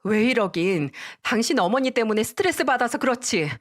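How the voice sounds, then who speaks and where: A woman's voice: on the high side, animated, a little fast, voice pushed up, close to an everyday voice. A woman voicing a fed-up, defiant young wife talking back in a dramatized story reading. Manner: defiant, retorting.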